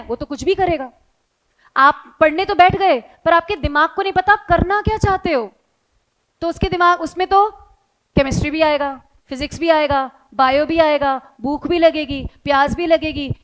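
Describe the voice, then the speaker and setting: A woman's voice: high voice, a bit bright. A woman teacher giving students an earnest motivational talk, slipping into English phrases and acting out their worried thoughts. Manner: acts out students' inner thoughts.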